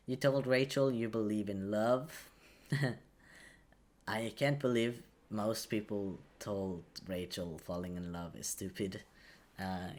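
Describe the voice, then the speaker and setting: A man giving casual video game commentary, hesitantly thinking aloud as he goes. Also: lowish voice. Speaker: gaming commentator.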